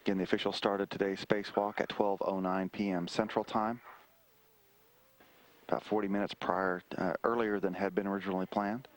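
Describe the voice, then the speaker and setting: A man giving live mission control commentary in a measured, halting way with frequent hesitations. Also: sits low, flat delivery, slight background noise.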